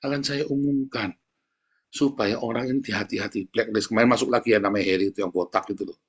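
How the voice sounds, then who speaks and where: A man's voice: on the low side, steady tone, fast talker, slightly rough. A male pastor, preaching bluntly and scolding his listeners directly. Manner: blunt, scolding, repeatedly addresses listeners as brothers. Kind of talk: blunt sermon to an online congregation.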